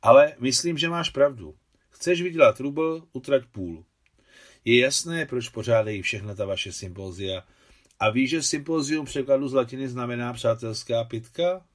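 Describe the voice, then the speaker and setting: A man voicing a brisk, commanding older woman in an audiobook, teasing and lively. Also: medium pitch, close to an everyday voice.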